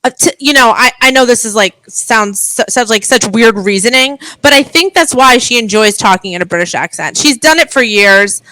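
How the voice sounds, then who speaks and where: Bright chatty woman dishing gossip. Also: a little high, lively intonation, moderate pace, hardly any pauses, no echo, low-quality recording. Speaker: podcast co-host. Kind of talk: casual chat.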